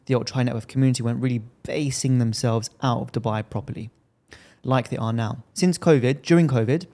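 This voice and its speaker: A man's voice: mid-range voice, fast, mellow. A man with a London accent, hosting a casual interview in a chatty, teasing way. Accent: London English. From London, England. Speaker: interviewer host.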